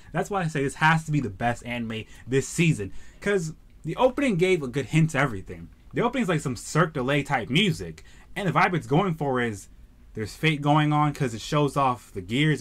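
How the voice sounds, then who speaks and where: A man casually reviewing an anime, retelling the plot as an excitable, slangy storyteller. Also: medium pitch, brisk.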